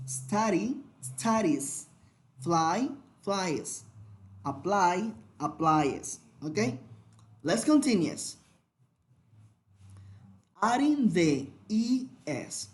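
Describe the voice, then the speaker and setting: A teacher walks through grammar rules at an unhurried, deliberate pace. Each example is said aloud and often repeated. The delivery is patient and methodical, like a recorded class. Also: mid-range voice, a little mellow. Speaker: English teacher. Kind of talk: slow classroom explanation.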